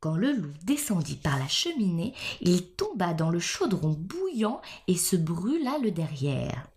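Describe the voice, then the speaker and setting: A woman reads a bedtime story in a soft, hushed voice that drops into whispers. She takes her time with a lowish tone that rises and falls expressively. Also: sing-song, measured pace.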